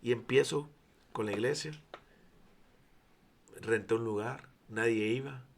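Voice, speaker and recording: Mexican man in his forties, husky gravelly voice, faith testimony, acts out dialogue, drops to near whispers. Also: mid-range voice, unhurried. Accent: Mexican Spanish. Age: 40s. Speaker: interview guest, church founder.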